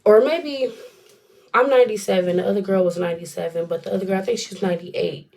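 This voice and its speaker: A woman's voice: mid-range voice, quick pace, gravelly, darkish tone. A woman in her twenties tells a personal story in a chatty, colloquial way, rambling and dropping in little asides as she goes. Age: 20s.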